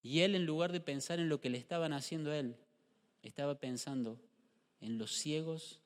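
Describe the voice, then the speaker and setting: A middle-aged male pastor with an Argentine Spanish accent, preaching a lively sermon and asking the congregation rhetorical questions. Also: a little high, normal speed. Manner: animated, acts out short dialogues, rhetorical questions to the congregation. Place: church hall. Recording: live church stream with long hall reverb.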